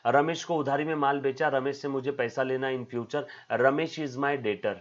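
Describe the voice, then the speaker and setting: A man's voice: medium pitch, fairly even intonation, measured pace. A man teaching a commerce class on video, repeating his points over and over and calling the students "beta". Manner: repetitive, drilling, calls students "beta". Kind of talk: recorded video lecture. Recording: slightly dull lo-fi sound.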